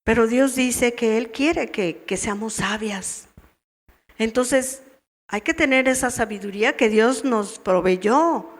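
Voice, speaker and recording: Woman, Mexican Spanish accent, church teacher, fairly high voice, quizzing her audience, echo of a long hall. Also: slow pace. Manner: asks the audience many questions, acts out wives' replies. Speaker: women's ministry teacher. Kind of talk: church teaching to a women's meeting.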